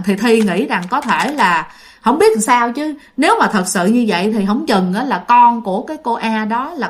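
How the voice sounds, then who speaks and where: A woman with a Southern Vietnamese accent telling ghost stories in a chatty, casual way, often speaking directly to her listeners. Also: mid-range voice. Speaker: ghost story narrator.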